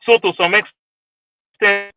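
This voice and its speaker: A man's voice: sits high, fairly even intonation, takes it slowly, dry recording. Nigerian man on a glitchy call. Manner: rambling, repeats "you understand?". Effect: glitchy, breaking-up call audio. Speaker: call-in guest. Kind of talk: casual discussion. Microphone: video call. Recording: tinny call line from afar.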